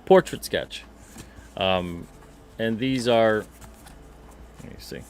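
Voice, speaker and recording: A man hosts a casual livestream in a relaxed, rambling way, often repeating his own phrases. His voice sits on the lower side for a man. He talks straight into a desk mic. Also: creaky, slight background noise. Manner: chatty, rambling, repeats himself, reads chat comments aloud. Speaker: podcast host and comic publisher.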